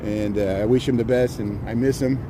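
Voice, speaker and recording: A man chatting casually on a livestream outdoors, rambling and halting, often repeating his words. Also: mid-range voice, fairly even intonation. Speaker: live streamer. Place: outdoors on a city riverwalk. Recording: outdoor livestream with clear city noise.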